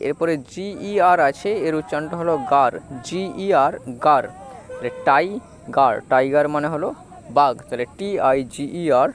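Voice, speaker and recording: Patient man teaching spelling slowly. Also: on the high side. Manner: patient, repeats each syllable. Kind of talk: slow spelling lesson.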